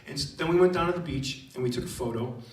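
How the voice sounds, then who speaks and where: A man's voice: a little high, fast talker. Man telling stories in a roomy hall. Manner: storytelling, animated, addresses audience directly. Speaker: high school theology teacher. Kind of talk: retreat talk to students. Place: indoor retreat room. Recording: roomy, distant mic.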